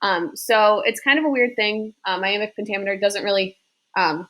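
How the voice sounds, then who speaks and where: A woman's voice: mid-range voice, a bit bright. Chatty woman teacher explaining verse. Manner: slow, deliberate reading of verse; chatty, with many fillers. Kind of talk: casual classroom lesson.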